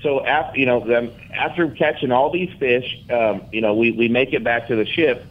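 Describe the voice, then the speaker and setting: A man telling a fishing story on a radio show, halting and full of fillers. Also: mid-range voice, steady tone, dull audio. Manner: halting, many fillers and restarts. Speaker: freshwater fishing reporter.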